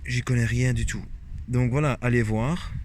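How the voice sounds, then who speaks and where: A man's voice: medium pitch, steady tone, normal speed, darkish tone, slight background noise. A man with a Belgian French accent chats casually through an unboxing video. He jokes, rambles and throws in lots of "hop" and "hein" as he talks. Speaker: vlogger. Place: outdoors in cold wind.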